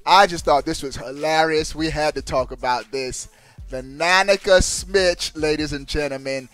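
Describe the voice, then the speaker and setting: A man hosting a gaming video channel, who talks in an excitable, laughing and slangy way and often says 'bro'. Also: on the high side, normal speed, no echo. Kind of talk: casual gaming video commentary.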